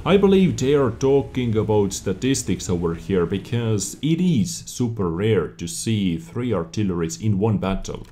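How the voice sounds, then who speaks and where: Man, low pitch, dark tone, casual gaming commentary, reads points then reacts. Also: very animated, measured pace, hardly any pauses. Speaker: gaming video creator. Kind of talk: casual game update commentary.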